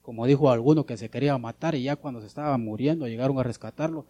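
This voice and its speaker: A man preaching a sermon as a pastor, shifting between loud and soft, asking rhetorical questions and addressing listeners as brother. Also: mid-range voice, fast, lo-fi sound.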